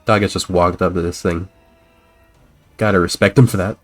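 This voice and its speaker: Deep-voiced laid-back man streaming a game. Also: steady tone, normal speed, faint music behind. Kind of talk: casual let's-play commentary.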